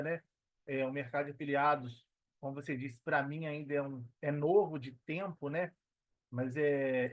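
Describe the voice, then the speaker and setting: This thirty-something podcast guest, who works as a personal trainer and affiliate marketer, talks in a relaxed interview style. His voice sits fairly high and carries a Minas Gerais Brazilian Portuguese accent. The recording has no echo and comes across dull, dry, and lo-fi.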